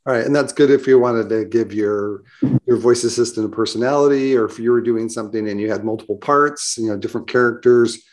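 A man's voice: mid-range voice, quick pace. A man co-hosting a casual tech podcast, checking his understanding by restating ideas in his own words. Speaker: co-host.

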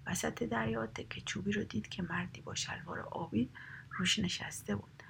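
A woman reading a children's story aloud in a soft, half-whispered storytelling voice. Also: medium pitch, steady tone, creaky.

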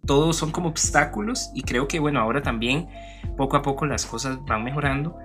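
A Costa Rican man in his twenties co-hosts a podcast with a bright, forward voice at a medium pitch. He talks casually and personally, switching between Spanish and bits of English. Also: a little fast, soft background music. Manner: mixes English words into Spanish, Spanglish. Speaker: podcast co-host.

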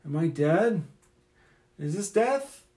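Man doing earnest wounded young hero, dazed, slightly raised pitch, tabletop game. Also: sing-song, slow, a little mellow. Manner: earnest and breathless.

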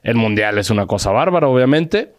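A man's voice: mid-range voice, animated, a little fast. A man with a Mexican accent hosting a podcast, talking loosely about football with slang and jokes. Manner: slangy, joking, laid-back. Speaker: podcast host. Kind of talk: casual chat.

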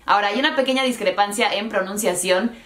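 A woman giving a playful, chatty online lesson on English pronunciation, modelling words slowly and laughing at herself. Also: medium pitch, fairly bright tone, roomy sound. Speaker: English teacher.

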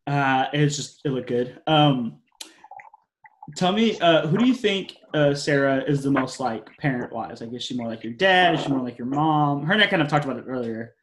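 A man's voice: medium pitch, normal speed, slight background noise. A young man hosting a casual podcast, rambling with many fillers and restarts and using slang like "yo" and "y'all". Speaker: podcast host.

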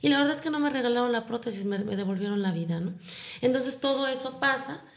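Gravelly-voiced Mexican woman telling her story. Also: on the high side, fast talker. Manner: tag questions after nearly every phrase. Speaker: guest, foundation founder. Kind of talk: personal storytelling in an interview.

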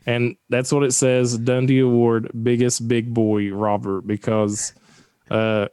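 A man chats casually with a cohost, wandering through his story with jokes and frequent laughter. His voice sits at an ordinary middle pitch. The recording is dry and close, with no room sound. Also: level tone, takes it slowly, darkish tone, clear, resonant tone, no echo. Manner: rambling and joking, laughs often. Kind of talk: casual chat.

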